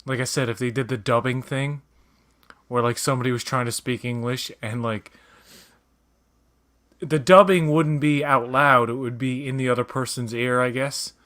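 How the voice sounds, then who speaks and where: Blunt man chatting, medium pitch. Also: fairly even intonation, moderate pace, a bit bright. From Canada. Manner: blunt, swearing, repeats words for emphasis. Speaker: watch-along co-host. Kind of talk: casual chat and commentary.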